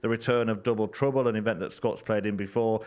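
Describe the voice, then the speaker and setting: A man presenting a darts show, announcing the coming year's events in a smooth, steady way. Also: on the low side, quick pace. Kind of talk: scripted presenting.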